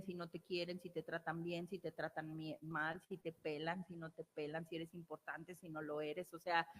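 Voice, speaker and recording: A woman's voice: on the low side, a bit bright. A woman therapist with a Mexican accent giving an emphatic motivational talk, repeating key phrases and asking rhetorical questions. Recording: long hall reverb.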